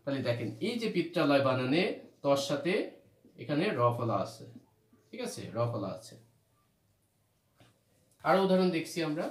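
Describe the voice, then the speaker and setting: A man's voice: a little high, lively intonation, moderate pace, pauses often. Echoey male grammar teacher, quizzing himself. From Bangladesh. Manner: repetitive, asks questions then answers them. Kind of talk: grammar lesson. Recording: roomy echo.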